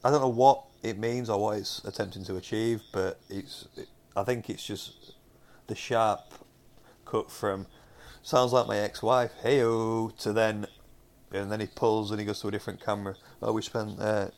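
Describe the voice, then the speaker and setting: A young man with a Northern English accent, his voice low and full of gravelly fry. He talks casually about television, wandering through his points with frequent ums and self-corrections. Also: steady tone, normal speed, darkish tone. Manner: rambling, many fillers and restarts. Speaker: podcast co-host. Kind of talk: casual chat reviewing TV episodes.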